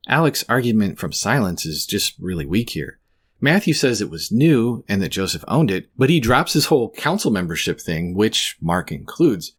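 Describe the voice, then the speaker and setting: A man's voice: lowish voice, breathy edge. A man delivering scripted, conversational video commentary as a host, with wry, sarcastic asides.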